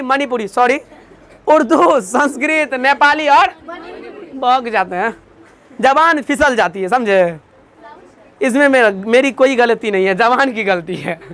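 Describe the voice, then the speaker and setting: A man's voice: very high-pitched, pushed and bright. A man teaching a class, drilling lists by call-and-response and joking with students. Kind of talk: classroom lecture with memory tricks.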